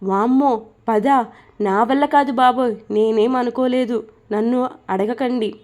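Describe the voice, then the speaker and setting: A woman voicing a shy but sharp-tongued young bride who scolds her husband, speaking a little louder than her narration. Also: on the high side, fairly even intonation, unhurried, lightly acted. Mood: bashful.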